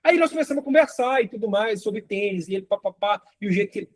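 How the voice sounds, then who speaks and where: A man's voice: sits high, lively intonation, fast talker. A man giving a casual online class as instructor, talking conversationally, often asking "got it?" and acting out client dialogue. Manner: conversational, frequent tag questions and acted client dialogue. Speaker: course instructor.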